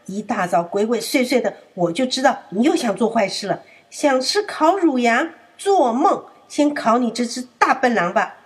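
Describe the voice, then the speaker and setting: A woman's voice: fairly high pitch, expressive, brisk, few pauses, warm tone, breathy edge. A woman voicing a stern old male elephant grandpa in a children's story, with a scolding manner.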